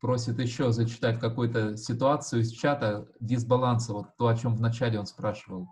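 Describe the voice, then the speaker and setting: Male interpreter, native Russian speaker: consecutive translation voice-over, plain and even delivery. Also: mid-range voice, fairly quick. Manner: relays each phrase right after the speaker, plain and even. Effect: translation voice-over, interpreting the speaker aloud. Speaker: live interpreter. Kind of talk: consecutive interpreting in an online talk.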